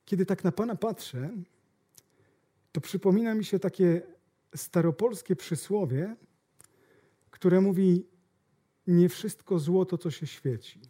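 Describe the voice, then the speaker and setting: A man putting on the voice of a calm, dry company boss who speaks low, quietly and in a measured way. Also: breathy edge.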